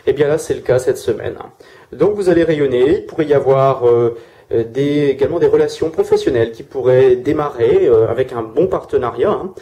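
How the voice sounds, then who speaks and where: This male tarot reader's weekly session is casual and halting, packed with fillers and restarts. His mid-range voice is mellow and a little fast, strained by a sore throat.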